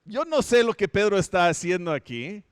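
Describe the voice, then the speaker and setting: Clear, high-voiced man preaching. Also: big pitch swings, moderate pace, dry recording, studio quality. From Minnesota, United States. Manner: storytelling, self-correcting, with light humor. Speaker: pastor. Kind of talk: conversational sermon. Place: home setup for an online church service.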